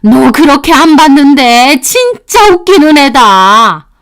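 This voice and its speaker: Woman playing older mother-in-law, domineering, contemptuous, scolding, high-pitched voice, dramatized story. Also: sing-song, very slow, exaggerated voice. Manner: scolding, contemptuous, shouting insults. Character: harsh, domineering older mother-in-law who berates and curses.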